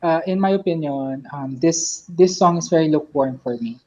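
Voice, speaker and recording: A woman's voice: low-pitched, fairly quick, a little mellow, highs cut off. A woman with a Filipino accent hosting a casual panel chat, steadily leading the talk and hedging her opinions. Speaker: podcast host and moderator.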